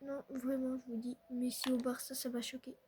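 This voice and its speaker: Excitable high-voiced young woman gamer. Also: moderate pace, a little hiss or hum. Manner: chatty, excitable, talks straight to viewers. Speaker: gaming streamer. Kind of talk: casual live commentary on a football video game.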